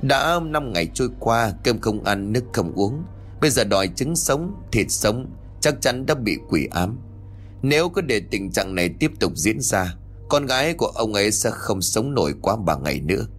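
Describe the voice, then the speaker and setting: A man voicing a calm, grave older exorcist who explains in a measured way. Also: on the low side, soft background music, pitched above the performer's own voice. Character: calm older male exorcist, stern and knowing.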